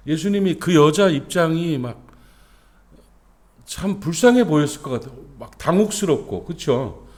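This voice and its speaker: A middle-aged senior pastor preaches a dawn service sermon in a conversational style, using rhetorical questions and many fillers and building to emphasis on his main points. His voice sits on the high side and is a little mellow, with lively intonation and a moderate pace.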